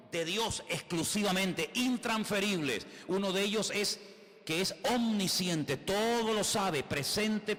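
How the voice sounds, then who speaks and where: In a large hall, a pastor with a Spain Spanish accent preaches a sermon in a medium-pitched, slightly bright voice. He is emphatic, filling his preaching with rhetorical questions and repeated phrases.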